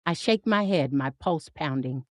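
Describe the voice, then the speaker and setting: A woman reading a first-person horror story in an intense, expressive, dramatic style. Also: low voice, measured pace, no echo, studio quality.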